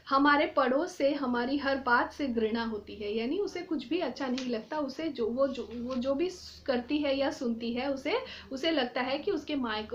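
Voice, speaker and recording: A woman's voice: high voice, highs cut off, slight background noise. A woman teacher reading a Hindi play aloud and explaining each line in simple words. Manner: reads a line then paraphrases it plainly.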